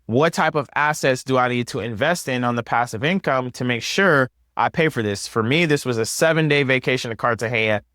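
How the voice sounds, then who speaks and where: A man's voice: medium pitch, fairly quick, hardly any pauses, a bit bright, no room sound, clean studio sound. A man in his thirties hosting a personal finance video, explaining step by step in an upbeat, conversational way. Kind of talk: explanatory talk to camera.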